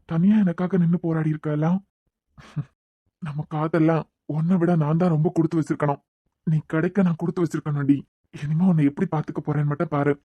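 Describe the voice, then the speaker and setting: A woman voices an exasperated young man in a cartoon web series, talking fast and sarcastic with a Kanyakumari Tamil accent. Her mid-range voice sounds close and dry. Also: mid-range voice, a little mellow, no room sound, close to an everyday voice. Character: exasperated young man, patient but fed up.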